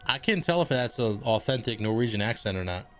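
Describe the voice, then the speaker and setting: A man's voice: lowish voice, animated, fairly quick, fairly bright tone, soft background music. A man streaming a video game, chatting casually, thinking aloud and swearing freely. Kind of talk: casual gaming livestream commentary.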